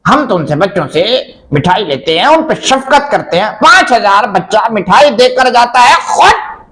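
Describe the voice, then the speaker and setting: A man acting an angry aging male government schoolteacher in a comedy sketch, who bursts into shouting rants and then sinks into a low grumbling mutter. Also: big pitch swings, measured pace, heavily acted, low-quality recording. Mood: sheepish. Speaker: comic guest character.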